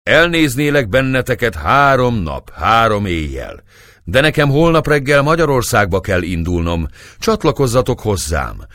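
A man's voice: medium pitch, sing-song, a bit bright, no echo, voice pushed up. A man reading aloud and voicing a cheerful, commanding Turkish bey in a story. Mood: delighted. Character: jovial Turkish bey, middle-aged man.

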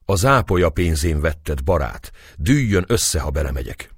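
A man voicing a hot-tempered old nobleman who shouts and rages in a storybook reading. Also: very deep voice, very animated, slightly rough, dry recording, heavily acted. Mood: furious. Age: older. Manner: shouting, bitter, blustering.

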